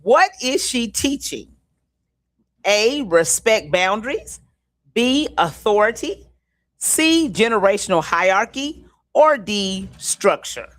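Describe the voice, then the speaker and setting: A woman's voice: medium pitch, sing-song, fairly bright tone, dry recording, studio quality. A woman co-hosting a live community show, reading quiz questions aloud and laughing with her co-host. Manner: reads quiz questions slowly with a lilt.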